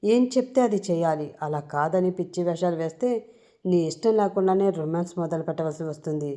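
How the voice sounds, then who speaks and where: A woman's voice: lowish voice, a little fast, natural voice. A woman voicing a domineering young male rowdy killer who mocks and barks orders at his captive. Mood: threatening. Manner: commanding, mocking, loud barked orders.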